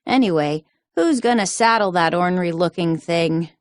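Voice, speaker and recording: A woman's voice: on the low side, moderate pace, dry recording, close to an everyday voice. Mocking cowboy brother, lady voicing him, snickery drawl, dry room. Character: teasing young Texan cowboy brother.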